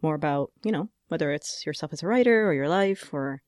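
A radio show host who talks in an effusive, halting way with many fillers. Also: medium pitch, animated, dry recording, studio quality. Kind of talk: casual radio interview. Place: radio studio.

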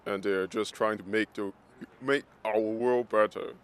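Man with a disguised deep voice. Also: steady tone. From Hong Kong. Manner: halting, searching for words, many restarts and "like" fillers. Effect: voice disguised, pitch-shifted deeper. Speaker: pro-democracy organizer. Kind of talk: interview testimony.

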